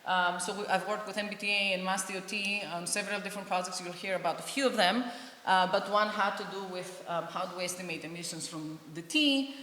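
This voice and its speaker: A woman's voice: mid-range voice, fairly quick, sharp tone. A middle-aged woman from Greece giving a friendly conference talk as an engineering professor, with frequent ums. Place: event hall. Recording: echoey hall with faint hiss.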